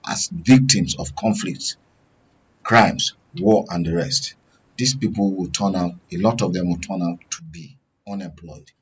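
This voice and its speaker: Speaking as a guest in a radio and TV studio, a low-pitched man with a Nigerian accent breaks down current affairs through questions he then answers. Slight background noise sits under the dull, lo-fi broadcast sound.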